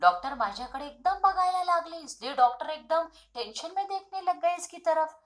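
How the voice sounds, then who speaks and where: A woman tutor explaining a school lesson. She reads each line, then explains it simply in an animated storytelling way. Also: very high-pitched, normal speed.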